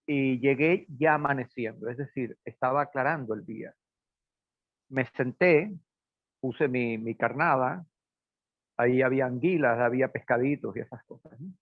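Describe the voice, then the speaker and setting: Born in Portugal and raised in Venezuela, a man tells a personal story in a hesitant, conversational way full of fillers. His voice is medium-pitched at normal speed, recorded dry with a phone-like band.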